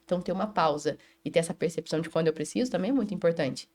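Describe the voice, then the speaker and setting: On a casual panel, a Brazilian woman who specializes in child health talks animatedly about children, acting out little dialogues between parents and their kids. She speaks very fast with a Brazilian Portuguese accent, her voice somewhat low and a little mellow.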